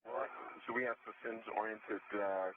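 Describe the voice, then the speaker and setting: Astronaut man over a spacesuit helmet radio: low-ish, fast, giving clear directions; narrow tinny line under loud hiss. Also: steady tone. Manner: brisk, directive, guides his partner's moves. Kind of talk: terse operational radio talk. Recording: tinny static-filled spacesuit radio link.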